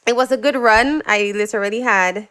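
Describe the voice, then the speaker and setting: In a casual interview, a young adult singer-songwriter from Dominica, a first-language English speaker, tells her story with animation and performs the quoted voices of others. Her voice sits a little high, at a moderate pace.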